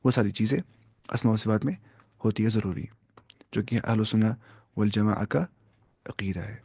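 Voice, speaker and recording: A man's voice: fairly low pitch, dark tone, breathy edge, no echo. A man teaching a religious lesson in a classroom, explaining step by step, quoting Arabic and mixing in English terms.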